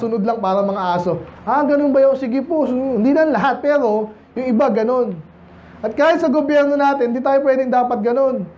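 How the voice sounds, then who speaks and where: A Filipino man preaching a blunt, scolding sermon in a church, switching between Tagalog and English and slowing down to quote scripture. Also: extremely high pitch, a little mellow, muffled recording, slight background noise. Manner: blunt, scolding, asks the congregation frequent questions. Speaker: pastor.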